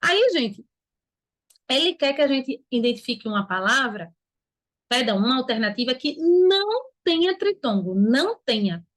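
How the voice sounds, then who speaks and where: A high-pitched Brazilian woman teaches an online Portuguese lesson. She sounds words out slowly, one syllable at a time, then checks in with her students before moving on. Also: sing-song. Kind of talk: online exam-prep lesson.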